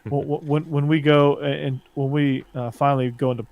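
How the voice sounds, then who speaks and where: Gravelly guy hosting a sports podcast, dry close sound, laid back rambling. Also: medium pitch, steady tone, moderate pace, a little mellow, no echo. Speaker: podcast host. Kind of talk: casual sports chat.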